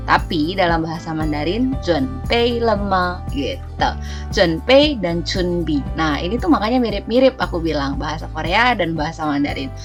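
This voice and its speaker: A woman from Indonesia giving a relaxed, chatty language lesson, full of fillers and slowly spoken example words. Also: fairly low pitch, over music. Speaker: language teacher. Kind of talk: casual vlog-style language lesson.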